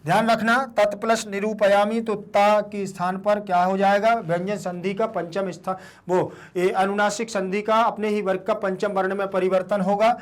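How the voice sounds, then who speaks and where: A man teaching a lesson in a raised, high voice. He works through each step patiently, repeats every question back as he answers it, and sounds out words one syllable at a time. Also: level tone, moderate pace, hardly any pauses. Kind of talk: classroom explanation.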